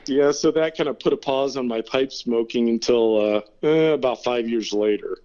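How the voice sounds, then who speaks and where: A middle-aged Californian man, appearing as an interview guest, tells stories in a relaxed, casual way and laughs between them. His voice sits in the mid range at normal speed with a dark tone, and the audio sounds dull.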